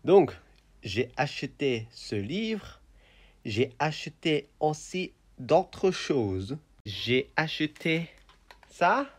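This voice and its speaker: A man who vlogs for beginner learners speaks extremely slowly, word by word, with a lively rise and fall in pitch. His delivery is deliberate, tired and deadpan. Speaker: vlogger, language teacher. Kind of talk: slow, simple speech for beginners.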